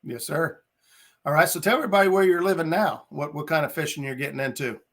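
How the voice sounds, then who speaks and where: A man's voice: on the high side, fast talker, fairly bright tone. A man hosting a casual fishing chat show, talking in a friendly, filler-heavy way and greeting viewers by name. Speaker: podcast host.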